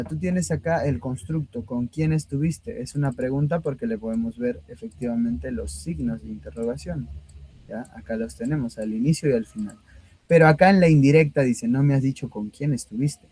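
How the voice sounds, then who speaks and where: A male teacher explaining grammar patiently, often pausing to check that his students follow. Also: mid-range voice, warm tone, slight background noise, poor audio. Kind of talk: grammar lesson.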